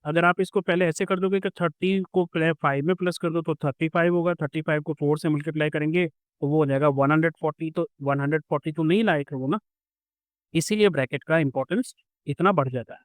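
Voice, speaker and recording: A man's voice: a little high, quick pace, no room sound. A man teaching a school math lesson, patiently explaining step by step with everyday examples.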